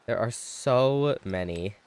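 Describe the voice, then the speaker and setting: Yawning and somewhat tired, this gameplay streamer talks casually with his audience about a strategy game, thinking out loud and exclaiming often. His medium-pitched voice is smooth and a little mellow, with lively intonation and a slow pace.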